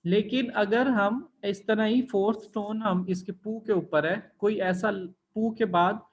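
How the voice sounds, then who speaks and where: A man's voice: high voice, fairly even intonation, slow, muffled recording. A man teaching an online language class, explaining patiently step by step and drawing out sounds to demonstrate tones. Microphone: computer mic in video call.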